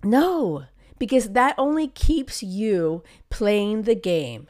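A woman with a mid-range, somewhat dark voice hosts a casual solo podcast as a love coach, speaking slowly but expressively. Her voice is returning after a cold, and she talks emphatically, gets riled up, and uses lots of fillers.

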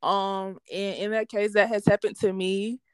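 A woman's voice: medium pitch, moderate pace, clean tone, no room sound, studio quality. A young woman, talking candidly and animatedly about her sports podcast in a casual interview. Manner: candid, slangy, animated storytelling.

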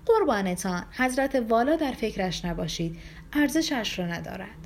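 A woman's voice: fairly high pitch, lively intonation, creaky, slight background noise. A woman reading the part of a fawning, obsequious middle-aged man in an audiobook, with flowery, servile speech. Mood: pleading.

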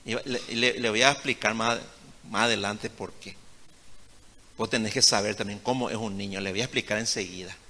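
A man preaching a sermon as a pastor, swinging between hushed asides and loud, emphatic points. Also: on the low side, fairly even intonation, normal speed. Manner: retells conversations as acted dialogue. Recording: long reverb of a large hall.

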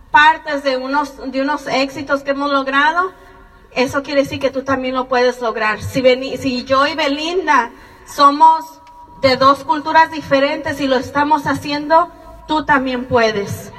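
A woman in her thirties, from Mexico, giving a slow, earnest and encouraging personal testimony. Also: high-pitched, a bit bright. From Mexico (Jalisco and Colima). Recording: far from the mic in a reverberant hall.

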